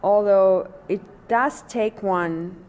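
A middle-aged woman from Lithuania with a Russian accent, talking in a casual interview in a halting way, with many fillers. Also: mid-range voice, darkish tone, clean tone. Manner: hesitant, halting phrasing with fillers. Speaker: painter, interview guest. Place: large old building studio. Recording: dull lo-fi sound with faint noise.

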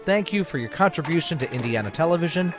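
A man's voice: on the high side, expressive, fast talker, muffled recording, over music. A man hosting on radio, reading a scripted tribute in a presenter's style. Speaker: radio host.

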